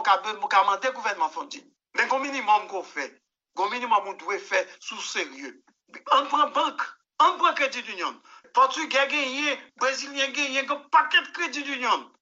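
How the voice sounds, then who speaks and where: Emphatic Haitian-accented man, high bright voice. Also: muffled recording. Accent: Haitian Creole. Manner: emphatic, repeats words, tells anecdotes with quoted dialogue. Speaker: musician guest. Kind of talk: animated interview answers.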